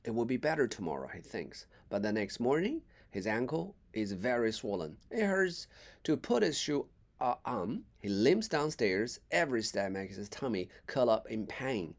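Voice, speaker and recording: A man reading a children's story aloud as an English teacher, expressive with small slips and asides. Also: medium pitch, normal speed.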